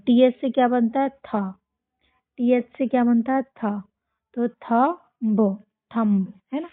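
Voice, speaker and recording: A woman with an Indian accent teaching a children's phonics lesson, drilling words slowly and asking the children to repeat after her. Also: fairly high pitch, dry recording. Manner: slow, drilling repetition with call-and-response questions. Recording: tinny, phone-like dry sound.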